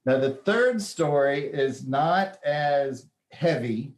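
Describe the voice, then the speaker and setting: A man hosting a casual chat, telling news stories in a relaxed, chatty way with plenty of fillers. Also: a little high, slow pace, roomy sound. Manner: chatty storyteller with frequent fillers. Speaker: host.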